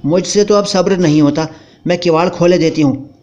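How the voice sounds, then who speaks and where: A man's voice: sits high, fairly quick, voice pushed up, close to an everyday voice. Man voicing a defiant stubborn young wife. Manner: bold, sharp, unyielding. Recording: dull lo-fi recording.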